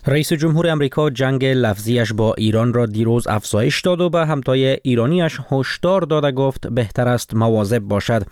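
A man's voice: mid-range voice, expressive, few pauses, darkish tone. A man with an Afghan Dari accent presents a radio programme and reads scripted headlines in a formal manner. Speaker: radio host and newsreader.

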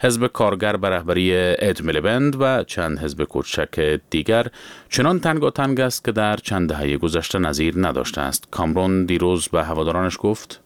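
A man reading the news in a measured, formal way. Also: low voice, lively intonation, smooth, no echo. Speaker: newsreader. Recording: dry studio sound.

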